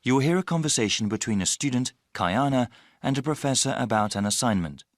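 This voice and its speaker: A man's voice: mid-range voice, animated, fairly quick, no echo, studio quality. A man reading scripted instructional narration for a listening test.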